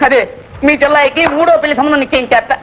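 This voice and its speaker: Frantic comic lover. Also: male voice, very high-pitched, steady tone, very fast. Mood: panicked. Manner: frantic, exclaiming. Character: panicky comic young man in love. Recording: roomy old film soundtrack with loud music.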